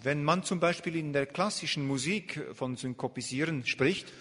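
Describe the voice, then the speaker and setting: A man's voice: a little high, moderate pace, fairly bright tone, breathy edge. A man interpreting a lecture live, hesitant and full of filler sounds as he searches for words. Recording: long hall reverb.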